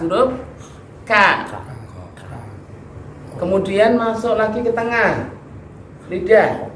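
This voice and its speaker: Man with a high voice leading a recitation lesson, echoey room with faint noise. Patient, question-led teaching. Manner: patient, asks students questions, demonstrates sounds. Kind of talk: tahsin lesson on letter articulation.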